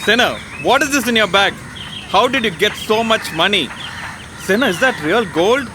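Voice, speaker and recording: A man's voice: sits high, extremely slow, background noise. A man playing a stern father who scolds his son, mixing English and Tamil. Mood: scolding.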